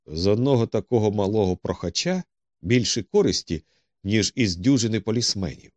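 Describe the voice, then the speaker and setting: A man's voice: lowish voice, animated, normal speed, a little mellow, no echo, close to an everyday voice. A man voicing a cool, dry-witted male detective who speaks tersely and with command.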